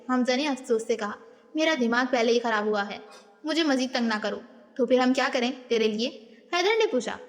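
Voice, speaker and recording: A woman reads a novel aloud, carrying both the narration and the characters' dialogue. Her voice sits fairly high, and a long reverb trails each line. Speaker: audiobook narrator.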